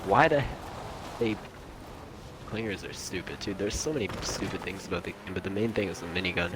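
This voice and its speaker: A man's voice: sits low, a little fast, background noise. A man chatting on a friend's game stream, complaining with lots of fillers and the odd swear word. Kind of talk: casual gaming chat. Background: game music.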